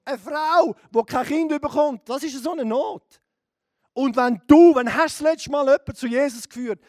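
Swiss German preacher, man, middle-aged, very high voice, fiery delivery that swings from hushed to shouting. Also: moderate pace, dry recording, clean studio sound. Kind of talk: sermon.

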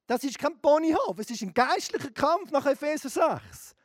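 A middle-aged man with a Swiss German accent preaching a fervent sermon, dropping to a hush and rising to shouts. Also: extremely high pitch, expressive, moderate pace, no echo, studio quality. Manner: fervent, swings from hushed to shouting.

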